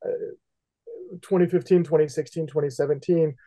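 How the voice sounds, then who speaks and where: Speaking a little fast in a warm, steady, fairly high voice, this podcast co-host is a middle-aged man from West Central Indiana. He meanders through his interview questions hesitantly, leaning on lots of fillers. The casual chat comes through his headset on a video call as dull, lo-fi audio.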